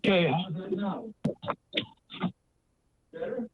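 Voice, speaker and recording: A man's voice: high-pitched, fairly even intonation, takes it slowly, background noise. A man calling into a meeting, muffled, holding his phone away from his mouth and checking whether he can be heard. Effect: phone held away from the mouth. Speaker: caller to a public meeting. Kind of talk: casual chat. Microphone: phone held away. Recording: muffled tinny phone line.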